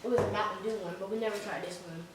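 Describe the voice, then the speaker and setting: A woman's voice: mid-range voice, steady tone, racing. Woman vlogger chatting between bites, recorded far off in an echoing, noisy room. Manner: talking while eating. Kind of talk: casual mukbang chat. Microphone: camera set back from the table. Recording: echoey room, distant camera, noisy.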